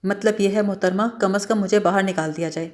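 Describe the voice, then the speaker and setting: A woman's voice: mid-range voice, fairly even intonation, darkish tone, close to an everyday voice. A woman voicing a talkative, witty young man from a village, joking and mock-dramatic in a story read aloud. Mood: teasing.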